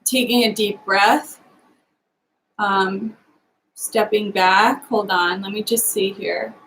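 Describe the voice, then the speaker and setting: A woman giving a live psychic reading, speaking gently and haltingly with many pauses and fillers, often voicing the sitter's feelings in the first person. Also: medium pitch, steady tone, slight background noise, low-quality recording. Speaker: psychic medium.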